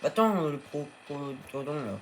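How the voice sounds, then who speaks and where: A man's voice: a little high, lively intonation, normal speed, fairly bright tone, slight background noise. A man hosting a gaming video, chatting casually as he plays and coaxing his tamed creatures aloud. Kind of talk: casual let's-play commentary.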